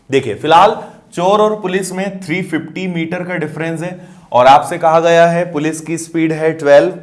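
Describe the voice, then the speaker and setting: A man teaching maths, explaining word problems step by step and checking that students follow. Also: fairly high pitch. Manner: explanatory, checks understanding with questions. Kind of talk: explaining math problems on a board.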